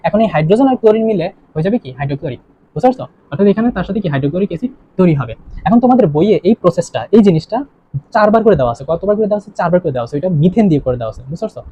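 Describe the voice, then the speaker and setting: Quizzing students and repeating questions, a young man teaches chemistry online in a voice that sits high yet has a dark tone. Faint ambience underlies the dull, lo-fi recording.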